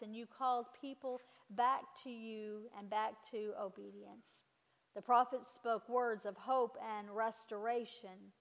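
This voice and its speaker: A woman pastor leading communion, speaking in a measured, solemn way with slowed emphatic phrases, her voice ringing with a long cathedral-like echo. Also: mid-range voice. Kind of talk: sermon and liturgical prayer. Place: large church sanctuary.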